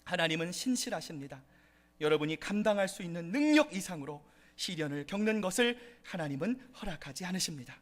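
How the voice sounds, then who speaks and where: A man's voice: high-pitched, lively intonation, a little fast. A man preaching a sermon as pastor at a church service, addressing the congregation and rising into impassioned outbursts.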